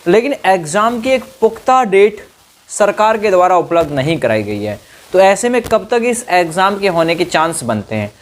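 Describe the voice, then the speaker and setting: A high-pitched, very animated man talks at a moderate pace, presenting exam news as an informal explainer for exam candidates. He repeats phrases for emphasis and checks in with students through short tag questions.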